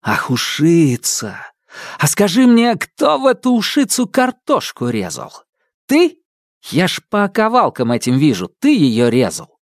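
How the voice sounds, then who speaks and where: An indignant young inventor, as a male reader puts him on, pitched high and ranting. His voice swoops up and down with outrage. Dry, close recording. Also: big pitch swings, slow pace, hardly any pauses, darkish tone, dry recording.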